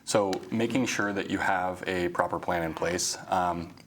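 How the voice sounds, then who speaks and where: Low flat monotone guy, lots of ums, slight hiss. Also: a little slow. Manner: hesitant, many "um" and "you know" fillers. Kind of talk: livestream panel discussion.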